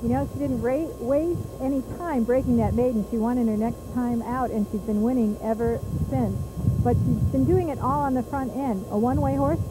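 A woman with a slightly high voice works as a trackside interviewer at an outdoor racetrack. She asks her questions in a smooth, polished broadcast manner. Clear background noise from the track carries behind her. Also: normal speed.

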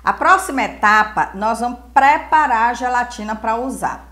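Woman in her 40s walking you thru a recipe, slow and patient, kinda high voice, home kitchen. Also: lively intonation, fairly bright tone. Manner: patient, repetitive teacher, lots of "ó" and "vejam". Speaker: cooking show host. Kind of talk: step-by-step cooking lesson.

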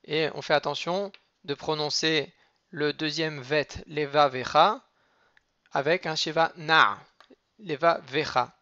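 Bright, slow-spoken man teaching chant. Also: on the high side, steady tone, no room sound, lo-fi sound. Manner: chants verses slowly, then explains each word. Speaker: teacher of Torah reading. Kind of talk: cantillation lesson.

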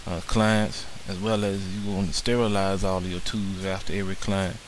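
A man's voice: low voice, flat delivery, normal speed, slight background noise, low-quality recording. A man narrating a slideshow lesson on barbershop sanitation in an earnest way, with many filler words. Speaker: barber instructor.

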